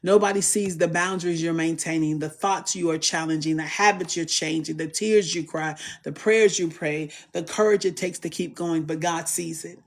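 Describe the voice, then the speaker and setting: A host of a faith channel giving a devotional message of encouragement, speaking directly to the listener in a measured, repetitive, affirming cadence. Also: medium pitch, steady tone.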